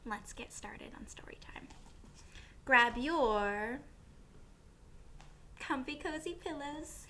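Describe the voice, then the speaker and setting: A woman reads a picture book aloud to young children the way a teacher would, pausing and asking her listeners questions. Her voice is high-pitched and sharp in tone, and her delivery is expressive.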